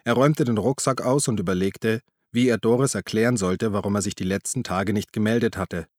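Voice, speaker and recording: A man narrating a crime novel in a measured, even tone. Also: fairly low pitch, no room sound, studio quality. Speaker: audiobook narrator. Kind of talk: scripted narration.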